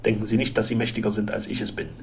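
A man voicing a burly, blunt French henchman who speaks gruffly and issues menacing warnings in a storybook reading. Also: lowish voice, rapid-fire, a little hiss or hum, close to an everyday voice. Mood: stern.

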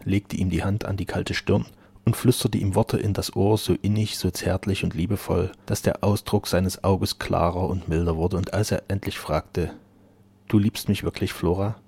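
A man narrating a novel in a measured storytelling manner. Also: sits low, fairly even intonation, creaky, a little mellow, husky. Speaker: audiobook narrator. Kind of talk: novel reading.

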